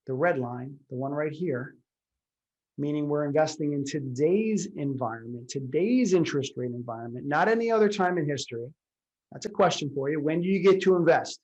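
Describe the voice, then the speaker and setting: A man's voice: on the high side, normal speed, a little mellow, low-quality recording. A man working as a retirement advisor, explaining a lecture slide by slide in a conversational way, full of fillers and rhetorical questions.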